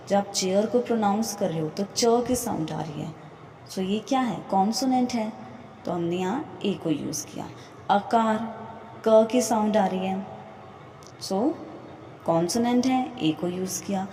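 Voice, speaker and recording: धीमी, शांत आवाज़ में पढ़ाती महिला. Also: female voice, medium pitch, dark tone, a little hiss or hum, low-quality recording. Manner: patient, repeats examples and asks questions to the viewer. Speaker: English grammar teacher. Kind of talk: slow explanatory lesson mixing Hindi and English.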